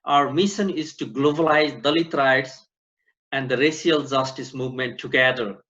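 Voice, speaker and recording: A man from Nepal, president of an organization, giving a slow, earnest prepared welcome speech to an online conference. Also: medium pitch, a bit bright. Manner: slow, deliberate, earnest delivery. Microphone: video call. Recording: dull lo-fi online conference audio.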